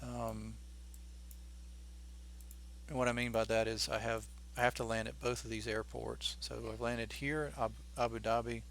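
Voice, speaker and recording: A man's voice: mid-range voice, flat delivery, measured pace, creaky, long pauses, fairly bright tone. A man giving casual, think-aloud commentary as the pilot in a flight simulator game. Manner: informal, thinking aloud while flying.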